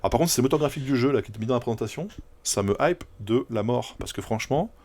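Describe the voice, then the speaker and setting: A man's voice: mid-range voice, animated, fast, darkish tone. A man streaming a video game, chatting casually and rambling with many fillers and restarts. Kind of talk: casual live gameplay commentary.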